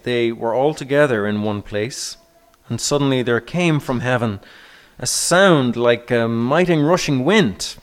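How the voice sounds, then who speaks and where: Clear-voiced pastor reading scripture. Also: male voice, medium pitch.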